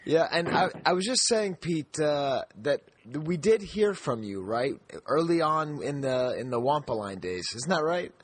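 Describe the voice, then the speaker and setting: A man's voice: on the high side, sing-song, a little slow, few pauses, no room sound. A man hosting a podcast, talking in a friendly, jokey way with lots of restarts. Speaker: podcast host. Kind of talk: casual podcast chat.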